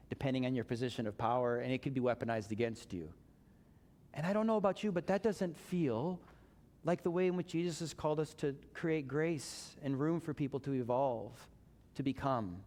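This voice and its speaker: A man's voice: medium pitch, darkish tone. A man preaching a sermon as pastor, talking in a conversational way and joking with his congregation. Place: church sanctuary. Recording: long church reverb.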